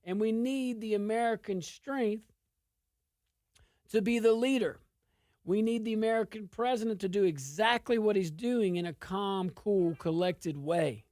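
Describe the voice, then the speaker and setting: A woman's voice: mid-range voice, measured pace, mellow, no room sound, studio quality. A woman with an Arkansas Southern accent giving informal political commentary, emphatic and repeating phrases for stress.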